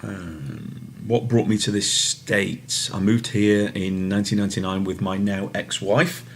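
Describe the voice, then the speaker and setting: A man in his forties with a Manchester English accent, answering interview questions in a hesitant way with many pauses and fillers. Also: fairly low pitch, steady tone, creaky. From England. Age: 40s. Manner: hesitant, many ums and restarts. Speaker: interviewee, soccer referee.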